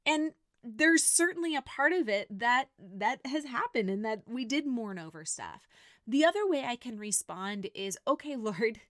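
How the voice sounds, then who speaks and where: A woman's voice: a little high, big pitch swings, moderate pace, a bit bright, dry recording, clean studio sound. A woman in her thirties hosting a faith-based podcast, talking earnestly and directly to her listeners. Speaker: podcast host. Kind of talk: faith-based personal reflection.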